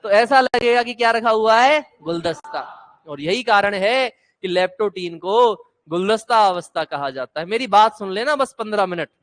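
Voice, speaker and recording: Animated high-voiced male teacher. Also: normal speed. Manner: animated, coaxing students to chant answers. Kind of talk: classroom lecture with call-and-response.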